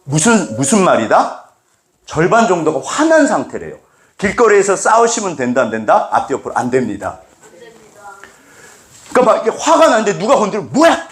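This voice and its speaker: A middle-aged man preaching a sermon as pastor, acting out little dialogues with sudden jumps in pitch. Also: echoey room. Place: church sanctuary.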